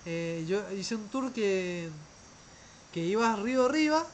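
A man's voice: high-pitched, animated, slow pace, slight background noise, low-quality recording. Rambling man telling travel stories. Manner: rambling, with frequent restarts and trailing phrases. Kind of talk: casual travel storytelling.

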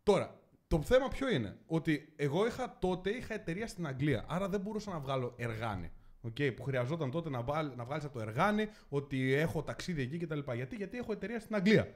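Animated young man telling a story. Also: on the high side. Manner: animated, acts out dialogue in the story. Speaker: podcast host. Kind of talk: casual storytelling chat.

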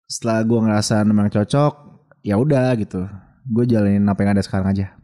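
A man in his twenties chatting casually as a podcast guest, joking and putting on lively voices when he quotes people. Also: on the low side, fast talker. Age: 20s. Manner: joking, animated when quoting others. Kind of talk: casual chat.

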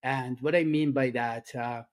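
A man's voice: medium pitch, steady tone. Middle-aged man with an Iranian accent. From Iran. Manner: halting, many fillers and restarts. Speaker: guest, addiction and trauma coach. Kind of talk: casual interview.

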